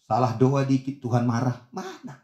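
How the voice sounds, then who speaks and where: A middle-aged male pastor preaching a lively sermon, acting out the voices in his stories and swinging from soft asides to shouts. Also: mid-range voice, normal speed, roomy sound. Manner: animated, acts out voices of others in dialogue, swings from soft to shouting.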